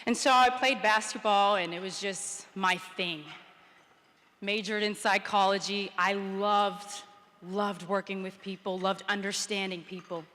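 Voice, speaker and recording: A woman's voice: medium pitch, steady tone, measured pace, a bit bright. A woman in her thirties giving a motivational conference speech, telling a personal story and acting out the quotes. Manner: storytelling, acts out quotes with rising energy. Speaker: public speaker. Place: conference hall, indoors. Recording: reverberant conference hall.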